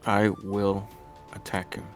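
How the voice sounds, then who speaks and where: A man's voice: on the low side, monotone, takes it slowly, faint music behind. A man playing in a tabletop game, calling his attacks in a matter-of-fact way. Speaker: player.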